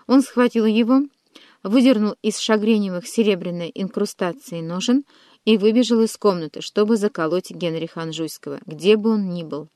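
A woman's voice: medium pitch, moderate pace, no room sound, studio quality. Woman narrating an audiobook dramatically. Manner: dramatic, expressive reading. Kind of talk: scripted narration of a historical novel.

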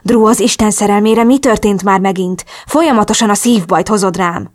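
A woman reading a brisk, caring woman doctor in an audiobook, firm and reassuring. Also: mid-range voice, animated, a little mellow, lightly acted.

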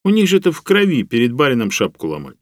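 A man voicing a calm, kindly older professor who speaks in a measured, reassuring way. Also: medium pitch, dry recording, studio quality, pitched above the performer's own voice.

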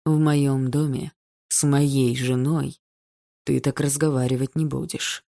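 A woman voicing a cold, menacing stepfather who speaks slowly and with icy calm. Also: extremely low pitch, gravelly, no echo, clean studio sound, heavily acted. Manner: slow, icily calm, insinuating. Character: cold, menacing stepfather, middle-aged man. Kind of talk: audiobook character voicing.

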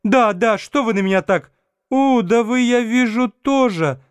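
A man putting on a shrill indignant woman in a street crowd. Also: a little slow, clear, resonant tone, no echo, lightly acted. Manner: scolding, defensive bickering. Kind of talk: audiobook character voice.

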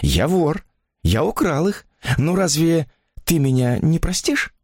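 A sly, cheerful husband from a storybook, talking in an easy, amused tone, as a male narrator plays him. His fairly high voice moves lively and sounds dry and close. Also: slow pace, no room sound, heavily acted.

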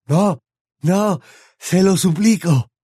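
A man's voice: high voice, slow, dark tone, husky, dry recording, clean studio sound, pitched above the performer's own voice, heavily acted. A man voicing a frightened, pleading father who whimpers and begs in an audiobook. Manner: whimpering, begging. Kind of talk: audiobook narration.

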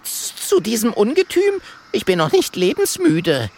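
Brief: a shaky, stuttering little monkey, very high, storybook. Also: male voice, sing-song, moderate pace, a bit bright, full character voice. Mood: frightened. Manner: stammering, trembling. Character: high-pitched stuttering young male monkey.

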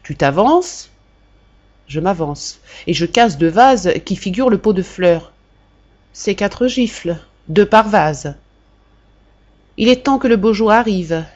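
A woman reading a classic novel aloud for a volunteer audiobook, in a measured, expressive first-person narration. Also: medium pitch, muffled recording.

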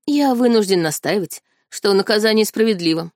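A woman reading an audiobook, voicing a young royal knight who speaks calmly, coolly and formally. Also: medium pitch, normal speed, dry recording, studio quality, close to an everyday voice. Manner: calm, cool, formal. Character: young male royal knight, cold and composed.

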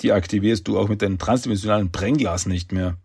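A man's voice: on the low side, fast talker, creaky, a little mellow, breathy edge, dry recording, studio quality. A man voicing a cocky young male turtle hero in a storybook reading, teasing and upbeat. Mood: mocking.

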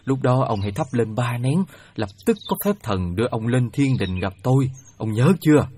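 An actor playing a heavenly god disguised as an old beggar, speaking in a slow, halting, sly way. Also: male voice, mid-range voice, lively intonation, dark tone, a little hiss or hum, close to an everyday voice. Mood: secretive. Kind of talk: radio play acting.

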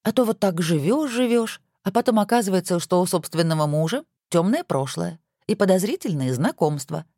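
A reader voicing a sharp-tongued young wife who teases her husband in mock-stern tones, in a storybook reading. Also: mid-range voice, lively intonation, moderate pace, few pauses, dry recording, clean studio sound, pitched above the performer's own voice.

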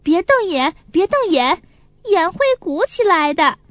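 A woman's voice: very high-pitched, sing-song, measured pace, no echo, full character voice. Woman voicing a teasing laughing toy. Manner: teasing, chuckling.

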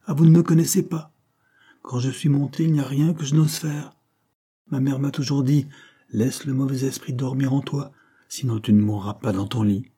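A man reading a proud, fierce young governess, a woman, in an audiobook, with sharp, defiant retorts. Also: lowish voice, steady tone, fairly quick, few pauses, slightly rough.

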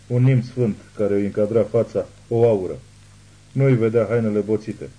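A man narrating an audiobook thriller in a measured, ominous reading. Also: lowish voice, mellow, poor audio. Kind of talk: scripted narration.

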